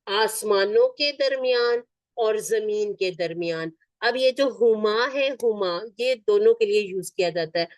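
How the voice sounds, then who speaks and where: A woman teaching Quranic vocabulary word by word. She is patient, repeats each term slowly and keeps checking that her students follow. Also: mid-range voice, no room sound. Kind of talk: word-by-word Arabic vocabulary lesson.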